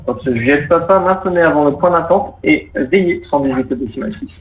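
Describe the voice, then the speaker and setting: Over muffled, roomy radio audio with a faint hiss, a fairly quick, fairly high-pitched male air traffic controller courteously explains procedures and issues instructions.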